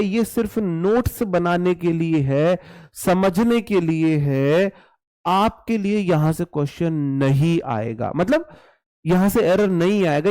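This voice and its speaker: A man's voice: a little high, darkish tone, no echo, studio quality. A man teaching an English class online, casual and repetitive, drilling words aloud and calling students his brothers. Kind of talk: online exam-prep class.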